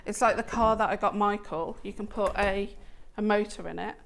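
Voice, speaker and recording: A woman in her forties chats while demonstrating sewing on a studio shopping show, laughing easily between sentences. Her voice has a gravelly, fry-tinged texture at a middle pitch. A faint noise sits under the recording. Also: fairly even intonation, normal speed. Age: 40s. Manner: giggly, laughs often.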